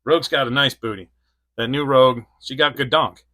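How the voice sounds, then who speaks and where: A toy reviewer in his forties rambles casually about an action figure, giggling often between thoughts and using lots of fillers. His medium-pitched voice is a little fast, bright and forceful, and the recording is dry.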